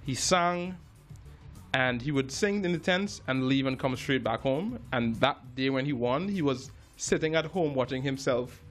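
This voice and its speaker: A man from Trinidad and Tobago, with the to match, talks through his story in a relaxed interview. He pauses and restarts often, repeating small words as he gathers his thoughts. His voice sits in an ordinary middle range, with faint music underneath. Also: medium pitch. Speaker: jazz musician guest. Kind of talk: casual interview chat.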